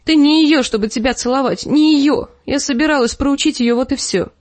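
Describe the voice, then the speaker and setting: A woman voicing Lysa, a shrill hysterical noblewoman. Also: normal speed, darkish tone, dry recording, natural voice. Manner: shrill, screeching, pleading.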